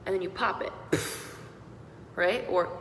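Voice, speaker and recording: A young woman gives an online beatboxing lesson as a singing teacher, upbeat and encouraging as she demonstrates each sound step by step. Her fairly low voice moves a little slowly and rings in a roomy space with a long reverb tail, over a faint hum of background noise.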